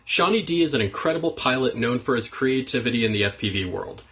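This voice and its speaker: A man's voice: mid-range voice, animated, fast talker, a bit bright. A man hosting a drone lesson series, reading a scripted introduction of the week's mentor. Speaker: show host.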